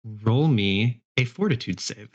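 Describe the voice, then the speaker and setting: A man running a tabletop game as game master, giving rulings in a relaxed, matter-of-fact way. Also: on the low side, a little slow, lo-fi sound.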